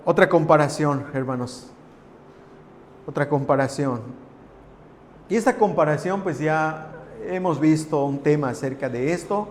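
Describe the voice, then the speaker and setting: A man's voice: on the high side, slight background noise. A man preaching a sermon as a pastor, building emphasis on key phrases and addressing the congregation directly. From Mexico. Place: church hall. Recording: long reverb in a large hall.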